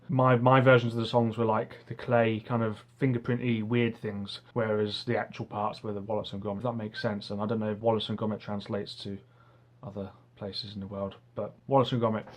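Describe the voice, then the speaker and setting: Male online tutor, mid-pitched, says w for r; casual, earnest, enthusiastic, a bit rambling. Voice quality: soft R sounds, says w for r. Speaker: guitarist and online music teacher. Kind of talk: casual talk to camera.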